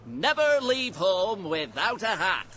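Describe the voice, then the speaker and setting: A man's voice: high voice, very animated, slow pace, pushed and bright, faint music behind, exaggerated voice. An actor voicing a preachy male game character who recites advice in a lecturing, sing-song way.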